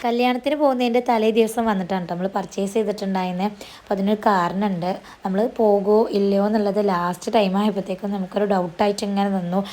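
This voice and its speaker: Speaking fast over her shopping footage, a vlogger chats away and scatters tag particles through her narration. Her medium-pitched voice is steady and warm, but a little strained since she lost it.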